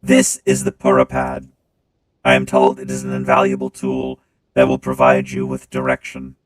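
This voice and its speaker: A man voicing a calm, dutiful male robot steward through a robot voice filter, speaking formally. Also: extremely low pitch, slight background noise, voice pushed down. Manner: formal, measured, reminiscing. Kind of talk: gameplay stream reading game dialogue.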